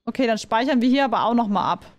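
A woman chatting casually as she plays a game, reading and translating the lines aloud as she goes. Her voice sits slightly high. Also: racing. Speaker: gaming streamer.

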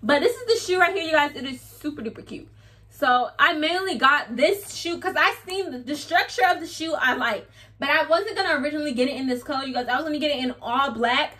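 Bright, high-voiced young woman vlogging. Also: brisk, far from the mic. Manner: animated storytelling, acts out dialogue. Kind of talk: casual haul vlog chat.

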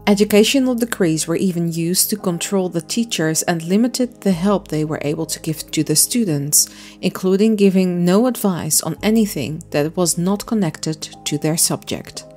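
A woman's voice: on the low side, moderate pace, darkish tone, faint music behind. A woman hosting a crafting vlog, explaining her miniature build step by step in a friendly, chatty voice-over. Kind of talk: casual voice-over narration.

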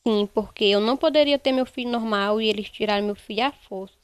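A young woman, giving a halting, repetitive first-person account in a news interview. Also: medium pitch, smooth, no echo. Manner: halting, repetitive retelling, quoting others. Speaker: interviewee, bereaved mother.

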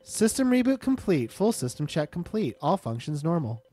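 A game player reading out an onboard ship AI's lines as it boots up, in a clipped, even robot cadence. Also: mid-range voice, normal speed, breathy edge. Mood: robot booting up. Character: onboard ship AI assistant booting up, flat and mechanical. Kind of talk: let's play commentary, reading game text aloud.

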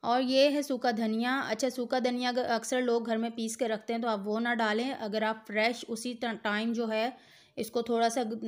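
Patient woman narrating a home recipe. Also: fairly high pitch. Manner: patient, instructive, addresses viewer directly. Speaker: cooking channel host. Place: home kitchen.

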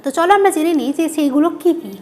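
High in pitch but with a darkish tone and lively intonation, this woman teacher runs a grammar class. Key terms are spelled out slowly and repeated, and she answers her own questions.

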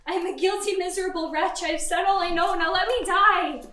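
A woman's voice: very high voice, a little fast, sharp tone. A woman playing a tortured male assassin in a live stage play, begging and desperate. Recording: echoey hall from far off.

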